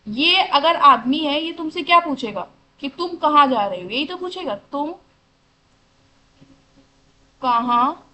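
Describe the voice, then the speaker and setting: A woman's voice: sits high, sharp tone, slight background noise, rough recording. A woman teaching English grammar to children, asking questions and answering them herself, again and again. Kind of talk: classroom lesson explanation.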